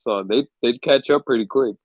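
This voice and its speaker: On a podcast, a young co-host chats casually and spins rambling stories, easygoing and profane, sounding a little stuffy because he's sick with a cold. His mid-range voice keeps a moderate pace; the audio is dull and echo-free.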